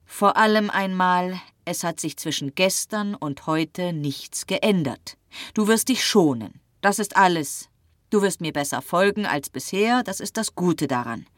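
A brisk, insistent doctor in a storybook reading, reassuring a friend. A woman narrator voices him in a slightly low register, with a dry, close recording. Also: expressive, no echo. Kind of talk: audiobook reading.

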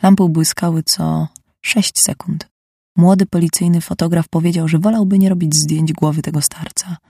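A woman narrates a literary story in the first person with an unhurried, hushed reading. Her voice is dark and husky with a gravelly edge. The close studio sound is dry. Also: fairly low pitch, fairly even intonation, no echo. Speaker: audiobook narrator.

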